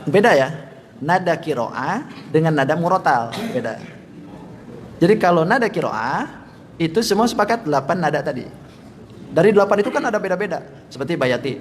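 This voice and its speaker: A man's voice: medium pitch, in a large hall, slight background noise. A man teaching a religious study class, chuckling often and chanting sample melodies between his explanations. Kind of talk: Quran study lecture.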